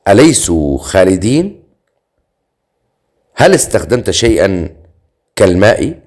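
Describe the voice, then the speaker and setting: A man voicing a sharp-tongued, suspicious young immortal woman in an audiobook. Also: sits low, very animated, unhurried, full character voice. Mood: wary.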